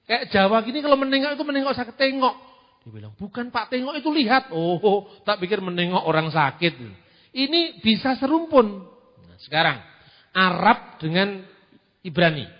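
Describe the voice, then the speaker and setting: A man preaching and teaching, animated and full of rhetorical questions. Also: sits high. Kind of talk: sermon-style teaching. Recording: dull lo-fi recording in a reverberant hall.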